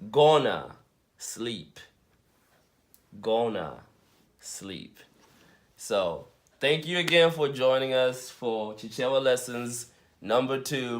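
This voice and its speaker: A man teaching a casual language lesson, saying each word again and again and spelling some out letter by letter. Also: medium pitch. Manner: repeats words slowly, spells them out letter by letter.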